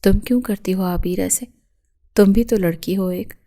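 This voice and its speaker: A woman's voice: medium pitch, mellow, close to an everyday voice. A woman voicing a frightened young female student who pleads through tears and stammers. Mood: tearful pleading.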